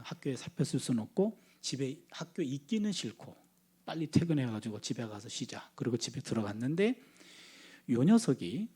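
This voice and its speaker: A man's voice: medium pitch, slightly rough. A middle-aged male pastor preaching a sermon, telling family stories and acting out the quotes. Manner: animated storytelling, acts out family quotes. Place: church sanctuary.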